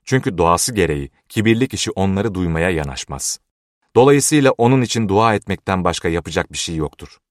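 A man's voice: deep voice, expressive, brisk, dry recording, clean studio sound. A man playing a grave, stern old hermit. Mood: solemn. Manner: solemn, stern sermonizing.

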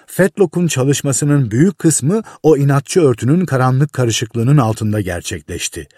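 A man reading a story aloud in a lively way, with a husky voice. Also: mid-range voice, unhurried, no room sound, studio quality. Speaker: narrator. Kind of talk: audiobook reading.

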